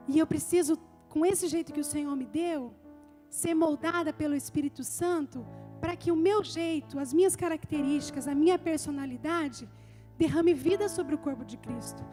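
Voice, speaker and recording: Very high-voiced woman pastor preaching. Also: mellow. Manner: emphatic, building repeated phrases. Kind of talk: live church sermon. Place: church service.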